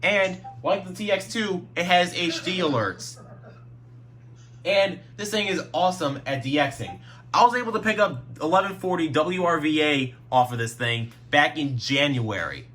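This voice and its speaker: This show-and-tell vlog has a man at home at night presenting his radios, his throat growing sore as he rambles, restarts sentences, and swears now and then. His voice sits on the high side, fairly bright, with lively intonation at a moderate pace.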